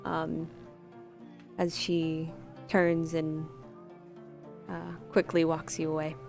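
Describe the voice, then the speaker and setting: A woman's voice: low-pitched, monotone, slow, creaky, darkish tone, faint music behind. A woman acting as game master, narrating a tabletop game in a rambling way with many fillers.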